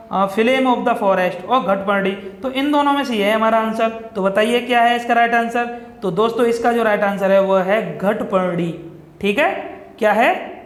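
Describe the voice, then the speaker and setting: Man, high-pitched, exam-prep teacher, questions and answers himself, echoey reverberant room. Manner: repeats "ठीक है दोस्तों" often, asks and answers own questions. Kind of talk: explaining quiz questions to viewers.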